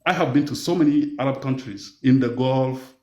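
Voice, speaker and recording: A man's voice: medium pitch, moderate pace, mellow, dull audio. Guy calling into a debate, earnest, keeps pushing to finish, echoey room. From West Africa. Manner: earnest, presses to finish his point. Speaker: caller. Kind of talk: heated live debate.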